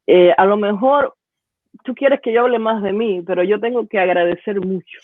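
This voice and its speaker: Cuban-accented woman guest, reflective and halting, dry phone-thin line. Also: medium pitch, no room sound, narrow, tinny audio. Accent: Cuban Spanish. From Cuba. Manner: thoughtful, with frequent restarts and hesitations. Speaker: guest, university professor and poet. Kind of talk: reflective storytelling interview.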